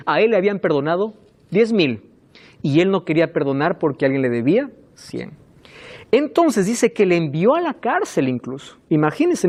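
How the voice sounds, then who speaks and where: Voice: medium pitch, darkish tone. A preacher delivering a sermon, telling stories expressively, asking the congregation rhetorical questions and repeating phrases for emphasis.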